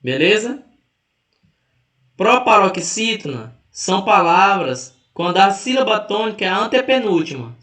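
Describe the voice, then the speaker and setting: A man's voice: high voice, big pitch swings, measured pace, a bit bright, roomy sound. A man teaching an exam-prep grammar lesson who stretches out words to show the stressed syllable and corrects himself mid-sentence. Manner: self-correcting, restarts mid-phrase.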